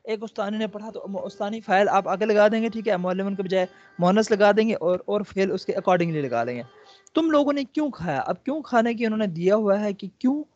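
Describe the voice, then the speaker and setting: A man's voice: high-pitched, darkish tone, lo-fi sound. A man teaching Arabic in an online lesson, patient and coaxing, repeating words and often checking that the student follows. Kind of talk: patient step-by-step tutoring.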